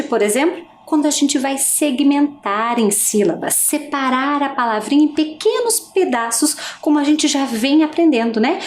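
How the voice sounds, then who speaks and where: A woman teacher giving a recorded video lesson. She asks her students questions and slowly draws out each example word. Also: high voice, darkish tone. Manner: slow, drawn-out pronunciation of example words; asks the class questions and pauses. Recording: echoey room with faint hiss.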